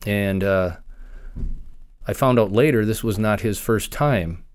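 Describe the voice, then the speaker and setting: A man, a former county investigator, recounting a personal story in an interview with measured pauses. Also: lowish voice, clean tone.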